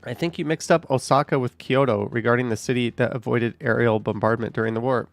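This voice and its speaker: A man in his thirties works through viewer comments on a live stream, reading them aloud and tossing off dry asides. His voice has a gravelly, fry-edged texture at a middling pitch. Faint music plays underneath. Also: fairly even intonation, brisk, no room sound. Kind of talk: casual live-stream chat.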